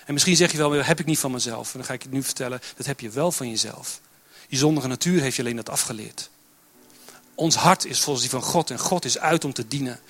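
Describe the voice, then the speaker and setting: A man's voice: mid-range voice, quick pace, a bit bright. A man preaching a sermon in church, pressing his points with emphatic, repeated phrases. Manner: builds to emphatic, repetitive exhortation.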